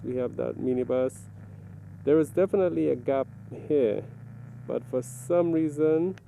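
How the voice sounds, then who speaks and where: A man giving a casual, step-by-step video commentary, explaining things deliberately and pausing mid-sentence. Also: medium pitch, vocal fry, warm tone, slight background noise, poor audio. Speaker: motovlogger reviewing own ride footage.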